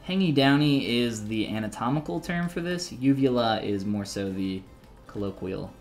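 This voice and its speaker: A man's voice: mid-range voice, expressive, normal speed, soft background music. A man in his thirties, talking casually and joking while he teaches 3D sculpting on a live stream, reading chat messages aloud between steps.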